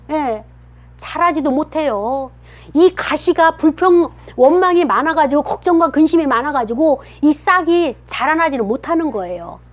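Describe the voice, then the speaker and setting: A woman giving a children's sermon, telling a story and asking the children questions as she goes. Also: high-pitched. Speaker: children's pastor. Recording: dull lo-fi recording.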